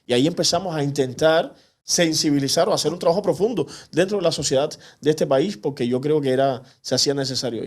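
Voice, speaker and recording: This man, an activist from Cuba, gets heated during an animated TV interview, pouring out indignant, passionate words in rapid bursts. He has a mid-range voice with a darkish tone.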